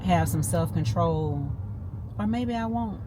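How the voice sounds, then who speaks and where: A woman's voice: fairly low pitch, animated, slow. A woman, vlogging in a casual chat from her car and talking straight to her viewers. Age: 50s. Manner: chatty, talks straight to viewers as "y'all" and "girl". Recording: noisy car ambience.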